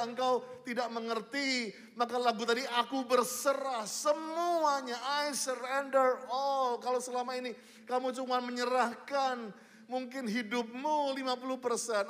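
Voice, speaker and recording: Pastor, male, high voice, emphatic sermon delivery, long hall reverb. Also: a bit bright. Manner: mixes English phrases, emphatic preaching with drawn-out words.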